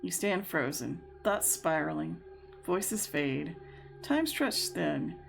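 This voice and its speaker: A woman reading a story game aloud, slowly, with amused asides. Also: deep voice, lively intonation, gravelly. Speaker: game streamer. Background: game music.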